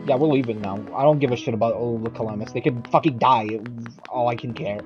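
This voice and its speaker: A man's voice: mid-range voice, fast, muffled recording, music in the background. A man doing profane gaming commentary, crude and exasperated, mock-aggressive. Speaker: gameplay commentator.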